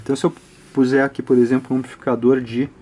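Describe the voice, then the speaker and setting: Speaking fast in a mellow, medium-pitched voice with a level tone, this man hosts a channel teaching audio electronics. He walks through an informal technical tutorial step by step in a Brazilian Portuguese accent, explaining conversationally and often tacking small tag questions onto his phrases. There's slight background noise.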